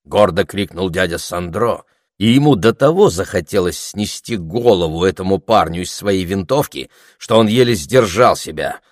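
A man narrating an audiobook in a calm, even storytelling manner. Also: low voice, normal speed, few pauses, no echo, studio quality. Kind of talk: scripted narration.

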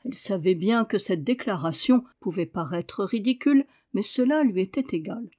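A woman reading a novel aloud in a measured, even storytelling manner. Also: mid-range voice. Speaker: audiobook reader. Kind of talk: scripted narration.

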